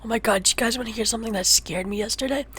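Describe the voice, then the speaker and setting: A tired young woman chatting while playing a game, teasing her partner and often dropping into soft whispers and little sung bits. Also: fairly high pitch, very fast, slight background noise. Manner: teasing and playful, drops to soft whispers, hums little songs. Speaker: streamer. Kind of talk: casual gaming chat.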